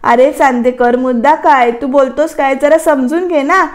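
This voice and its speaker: A feisty young wife from a TV serial who teases and argues back, as a woman reads her lines. She speaks in a high voice. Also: steady tone, moderate pace, lightly acted. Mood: bickering. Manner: teasing, argumentative.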